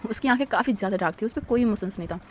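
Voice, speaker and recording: A woman's voice: medium pitch, very fast, darkish tone, a little hiss or hum. A woman retelling a story casually, chatty with many fillers.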